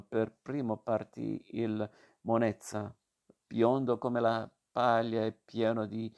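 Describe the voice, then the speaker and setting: A man reading a novel aloud as narrator, steady and measured. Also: fairly low pitch, gravelly.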